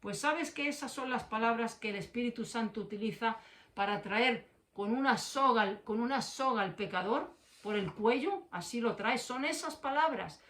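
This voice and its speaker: A woman delivers a fiery evangelical sermon in a slightly high voice. She hammers her points by repeating phrases and throwing confrontational questions at her listeners. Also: moderate pace, a bit bright. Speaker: preacher.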